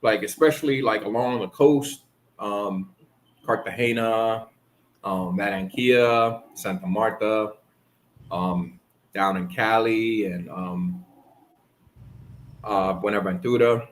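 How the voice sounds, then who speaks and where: A man's voice: lowish voice, slow, pauses often, a little hiss or hum, rough recording. A man from the Bahamas hosting a casual chat, talking in a rambling way with lots of restarts. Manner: rambling, many restarts and fillers. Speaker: host.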